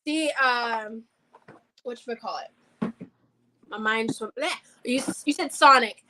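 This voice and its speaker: A woman's voice: on the high side, measured pace, noisy background. A young woman chatting casually on a livestream, blunt and opinionated. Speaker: livestream co-host. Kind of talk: casual chat.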